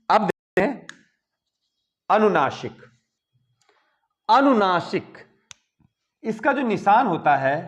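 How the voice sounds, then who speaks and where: A man teaching Hindi grammar, explaining step by step and checking in with "okay" between points. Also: high voice. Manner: slow, repeats "ठीक है" between points. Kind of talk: explaining at a board.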